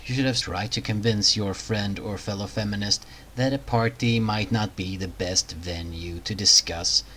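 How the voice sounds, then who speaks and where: Sarcastic low-voiced male commentator. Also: moderate pace, pushed and bright, a little hiss or hum, rough recording. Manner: sarcastic, mocking. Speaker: commentary video host. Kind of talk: reaction commentary.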